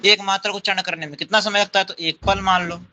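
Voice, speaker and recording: A man with a fairly high, very bright voice gives a Sanskrit grammar lesson. He explains one point at a time and repeats each term, then puts quick questions to his listeners. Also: steady tone, a little hiss or hum, low-quality recording. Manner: explains step by step, repeats terms, asks the class questions. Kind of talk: classroom lecture.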